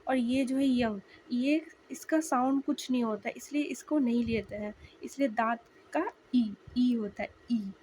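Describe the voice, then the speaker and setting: A young woman with a slightly hoarse voice, chatting casually to viewers as she shares her language-learning notes and sounds out letters slowly. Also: fairly high pitch, a little mellow, slight background noise, poor audio. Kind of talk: casual video lesson.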